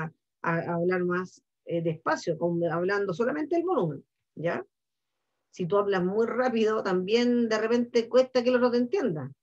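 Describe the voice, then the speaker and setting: A woman's voice: mid-range voice, darkish tone, highs cut off. A woman, an actress speaking on a panel, explaining at length and often checking in with her listeners. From Chile. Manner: explanatory, peppers speech with "¿ya?" and "te fijas". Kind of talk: conversational panel talk.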